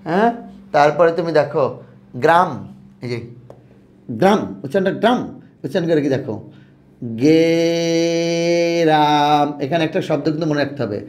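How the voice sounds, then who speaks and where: A man teaching an exam-prep lesson, speaking slowly and repeating words so his students can follow. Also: fairly high pitch, a little mellow.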